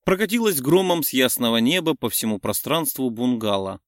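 A man narrating a romance audiobook in a steady, even reading voice. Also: medium pitch, fairly quick, no echo, studio quality. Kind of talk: scripted narration.

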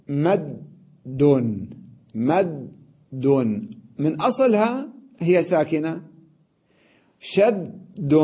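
A man teaching an Arabic grammar lesson, sounding out letters slowly, repeating examples and often checking that the listener follows. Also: on the high side, breathy edge, muffled recording. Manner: addresses the listener directly with checks like "notice" and "right?".

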